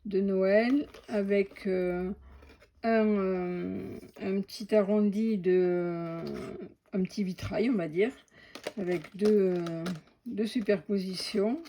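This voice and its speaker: A woman chatting through an unboxing of craft supplies, slow and hesitant with many fillers and restarts. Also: mid-range voice, steady tone, dark tone, a little hiss or hum. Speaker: crafting vlogger. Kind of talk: casual unboxing commentary.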